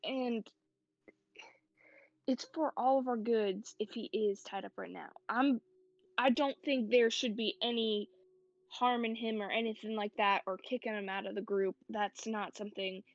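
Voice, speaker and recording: A woman's voice: sits high, unhurried, dry recording, lo-fi sound. A woman voicing a blunt but caring young woman who swears, then soothes her frightened friend. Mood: comforting.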